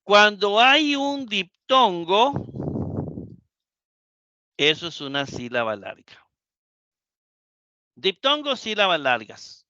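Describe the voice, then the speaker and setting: A man's voice: sits high, sing-song, takes it slowly, long pauses, pushed and bright, no echo, highs cut off. A man teaching Greek in a live class lecture. He repeats the key points and keeps asking the students questions.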